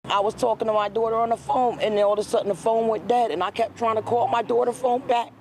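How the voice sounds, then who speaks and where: A grieving mother speaks in a halting, broken way in a news interview. Faint outdoor noise sits behind her voice. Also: a little high, steady tone, darkish tone. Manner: halting, grief-stricken. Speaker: victim's mother.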